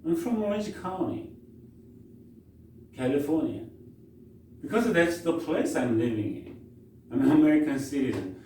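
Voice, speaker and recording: Korean-accented professor lecturing in an echoey room. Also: male voice, fairly high pitch, lively intonation, dark tone. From South Korea. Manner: anecdotal, conversational, halting restarts. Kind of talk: university lecture. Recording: echoey room, far from mic, faint noise.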